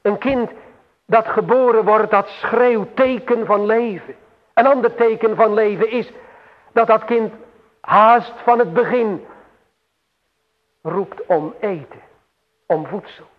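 A man preaching a sermon slowly and solemnly, with emphatic swells and long pauses. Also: high voice. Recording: tinny phone-like radio broadcast with long hall reverb.

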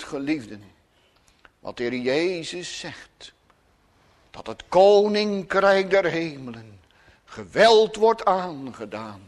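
A man preaching a sermon to a congregation, solemn and emphatic, with many repetitions. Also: on the high side.

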